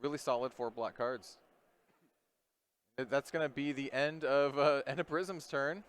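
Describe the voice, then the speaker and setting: A man's voice: medium pitch, steady tone, measured pace, fairly bright tone, clean tone. A man giving color commentary on a card game tournament, laughing often and agreeing with his partner on a booth headset.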